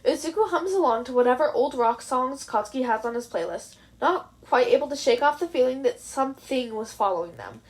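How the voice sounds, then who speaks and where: A high-voiced woman reads fan fiction aloud as a hobbyist audio story narrator. Her delivery is expressive, fairly quick, with hardly any pauses.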